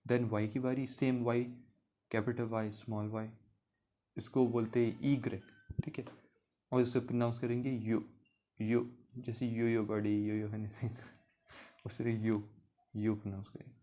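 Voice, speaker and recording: A man gives a casual, patient lesson, repeating each example word slowly and checking in with his viewers. His voice is mellow and dark, with little rise and fall in pitch. He sounds steady and unhurried. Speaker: language teacher.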